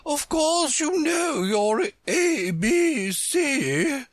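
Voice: high-pitched, big pitch swings, drawn-out words, no echo, pitched above the performer's own voice, exaggerated voice. A reader voicing an imperious, contrary chess queen, a woman who scolds with pompous emphasis in a storybook. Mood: emphatic.

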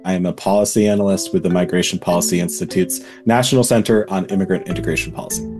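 A man, a policy analyst, answering interview questions in a measured, precise way. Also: low-pitched, fairly even intonation, over music.

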